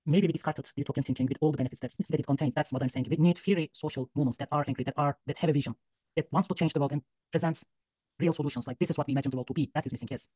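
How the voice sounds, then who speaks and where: Fast, earnest man on a video call. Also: fairly high pitch, steady tone, mellow, no echo, poor audio. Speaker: guest speaker, human geographer. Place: room with bookshelves, indoors. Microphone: laptop webcam video call.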